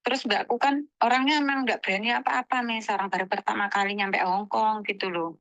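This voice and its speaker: A woman's voice: mid-range voice, steady tone, brisk, a bit bright, no echo, poor audio. A woman calling in from abroad, earnestly recounting a complaint and repeating what others said in short quoted bursts. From Indonesia. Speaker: caller. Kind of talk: phone call telling a complaint.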